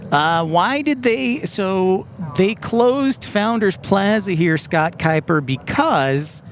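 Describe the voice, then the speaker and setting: A man's voice: a little high, slight background noise. A man hosting a live stream outdoors, chatting casually and reading viewer comments aloud. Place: outdoors by an airport.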